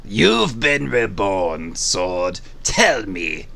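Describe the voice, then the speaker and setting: A man playing a gloating, hate-filled villain overlord in a theatrical, drawn-out, bellowing way for a fan audio drama. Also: fairly low pitch, wildly swooping pitch, vocal fry, bright, forceful tone, heavily acted.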